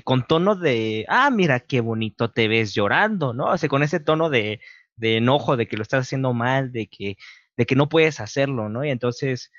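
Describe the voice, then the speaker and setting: A man's voice: medium pitch, fairly bright tone, no room sound. A man co-hosting an interview, reflecting aloud with hesitant fillers. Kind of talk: casual podcast interview. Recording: dry, dull lo-fi sound.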